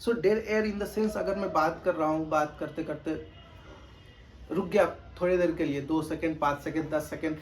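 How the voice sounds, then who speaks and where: A man with a fairly high voice talks straight to the camera in a loose, casual tutorial, deliberately louder than he normally speaks. He keeps returning to his points with little check-ins, patient and instructive. A faint hum of background noise sits under the voice. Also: steady tone. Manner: raised, projected speaking voice. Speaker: test-prep tutor. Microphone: camera mic.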